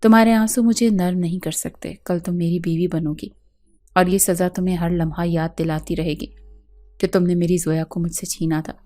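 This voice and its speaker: A woman's voice: lowish voice, fairly even intonation, warm tone, soft background music, natural voice. Woman reading as a cold, vengeful young husband. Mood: cold, stern. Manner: cold, stern delivery. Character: harsh vengeful young man, cold and bitter.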